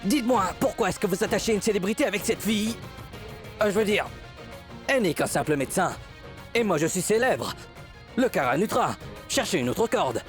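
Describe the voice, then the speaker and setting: A man's voice: sits high, animated, fairly quick, pauses often, soft background music. An actor dubbing a petulant, boastful young male celebrity cricketer in a French series, whiny and self-important. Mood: indignant. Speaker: dubbed character.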